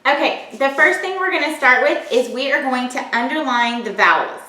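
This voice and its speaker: A woman teaching a recorded phonics lesson, sounding out words slowly and clearly and encouraging the children. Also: high voice, expressive, sharp tone, echoey room. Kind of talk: recorded home-learning lesson.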